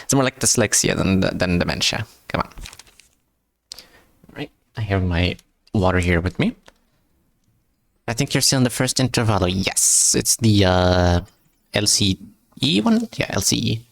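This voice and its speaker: Streaming live, a man chats casually with viewers in English, not his first language, stumbling, repeating words and answering chat with joking self-mockery. His fairly low voice swings widely in pitch, moving a little slowly with a creaky texture and long pauses.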